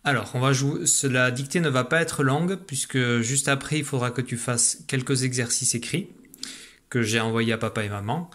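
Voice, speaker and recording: A man teaching a remote lesson to young children, patient and slow, repeating syllables for a dictation. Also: medium pitch, a bit bright. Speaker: primary school teacher.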